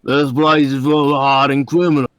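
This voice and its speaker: A man voicing a stern male executioner in a high, strained, declaiming voice. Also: a little slow, a bit bright, dry recording. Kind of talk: amateur game voice-over.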